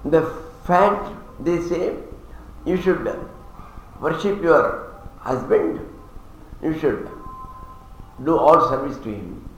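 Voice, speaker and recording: A man's voice: a little high, expressive, takes it slowly, long pauses. A man, chanting Sanskrit verses and explaining them in a religious discourse with touches of humor. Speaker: religious teacher. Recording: very echoey hall, faint background noise.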